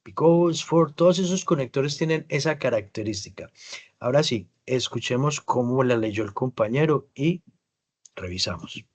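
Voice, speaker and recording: A man teaching an English class over a video call, explaining patiently and slowly modeling English words. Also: mid-range voice, animated. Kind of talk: online class feedback.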